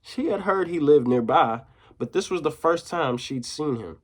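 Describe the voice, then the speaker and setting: A man's voice: on the high side, lively intonation, normal speed. A male teacher reading a children's book aloud, dropping into casual, slangy asides to his listeners.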